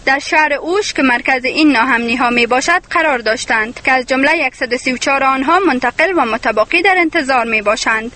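A woman's voice: sits high, sharp tone. A woman with an Afghan accent reading a scripted news report as a radio correspondent. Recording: slightly noisy radio field report.

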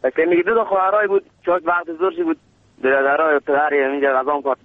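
A man's voice: a little high, no room sound. A man with a rural Ghor Dari accent calling a radio show to tell a joke, chuckling as he acts out the quoted voices. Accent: rural Ghor Dari dialect. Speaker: radio caller. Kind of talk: telling a joke by phone. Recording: tinny dry phone line.

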